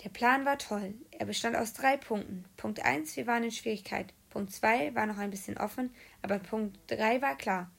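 Gravelly-voiced woman reading a children's book. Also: on the high side, moderate pace, hardly any pauses. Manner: lively storytelling, voicing characters. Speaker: audiobook narrator.

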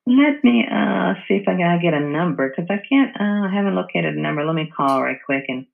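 Creaky man on a phone line. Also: high voice, expressive, fairly quick. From Texas, United States. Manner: hesitant, helpful. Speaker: roadside assistance call agent. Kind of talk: phone customer service talk. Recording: muffled narrow phone line.

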